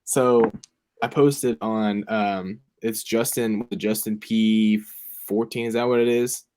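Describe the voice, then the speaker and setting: A young man with a fairly low voice talks through his picks in casual chat. He rambles and thinks aloud, dropping plenty of ums and likes as he goes. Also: fairly even intonation, slow pace, darkish tone. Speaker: fantasy football podcast co-host.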